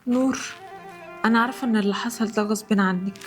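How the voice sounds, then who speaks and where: An actress voicing a jealous, dramatic young wife in a comedy sketch, with an Egyptian Arabic accent and a sarcastic, shrill way of talking. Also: female voice, fast, soft background music, natural voice. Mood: bitter pleading.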